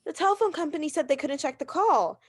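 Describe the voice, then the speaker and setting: An actress plays a bedridden wife in a 1940s-style radio thriller, speaking high-pitched, fretful, and quick with lively intonation. Neurotic, imperious, and demanding, the character presses her points insistently and stammers whenever she's challenged.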